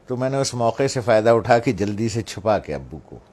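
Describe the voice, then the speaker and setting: A man's voice: on the low side, animated, a little mellow. A middle-aged man from Pakistan, a religious speaker telling a family anecdote to draw a moral from it. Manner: anecdotal, acts out family members' voices. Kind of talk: storytelling talk with a moral.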